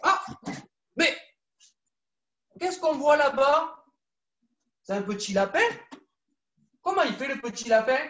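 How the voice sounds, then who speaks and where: A woman with a high voice leads a children's judo class, coaxing and lively as she repeats every instruction. She sounds echoey and far from the mic, as if filmed across a room. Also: dull audio. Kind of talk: live online kids' class, story-led exercises.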